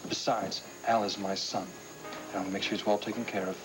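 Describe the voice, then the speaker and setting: A man's voice: on the low side, flat delivery, fast talker, over music, natural voice, low-quality recording. An actor playing a scornful, self-assured man in a television soap opera, with a sarcastic, cutting, emphatic delivery. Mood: cold, firm. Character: scornful, self-assured man berating his former lover.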